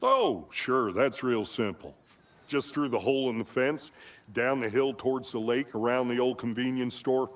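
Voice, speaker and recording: In comic-relief video game acting, a man voices a bumbling small-town sheriff's deputy who is folksy, hesitant, and awkwardly polite. His natural voice is medium-pitched at a moderate pace, recorded far from the mic.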